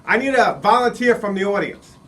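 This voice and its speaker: A man doing a booming mocking head clown. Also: expressive, brisk, far from the mic, low-quality recording. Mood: announcing. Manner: loud taunting showman.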